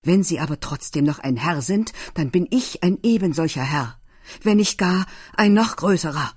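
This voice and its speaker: A man's voice: lively intonation, moderate pace, darkish tone, husky, dry recording, studio quality. A man voicing Block, a cringing, agitated male client bursting into indignant protest. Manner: shrill, indignant outburst.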